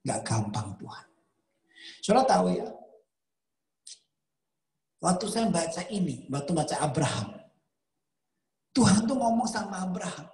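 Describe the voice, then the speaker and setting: A man preaching a sermon, telling a personal story and rising to emphatic near-shouts, with English words slipped into his talk. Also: high-pitched, animated, measured pace, long pauses. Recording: roomy echo.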